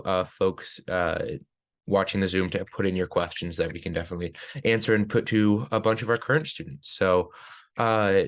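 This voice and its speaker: A teenage boy moderates a student panel over a video call. His voice sits a little low, and he speaks casually with lots of "um"s and "uh"s. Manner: loose, filler-heavy, friendly. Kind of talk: casual webinar hosting.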